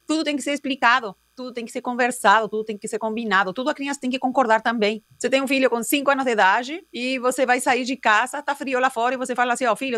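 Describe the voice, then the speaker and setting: A woman's voice: on the high side, a bit bright, dry recording. A woman parenting educator speaking emphatically, often acting out dialogue between a parent and a child. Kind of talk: talk clip.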